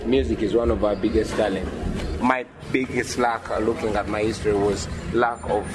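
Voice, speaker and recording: A man's voice: fairly low pitch, normal speed. A man casually showing visitors around a music studio, heard in a poor-quality field recording played as a clip. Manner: relaxed, laughing, introducing people. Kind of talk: informal tour talk on location. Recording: rough, distant field recording with loud music behind. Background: music playing.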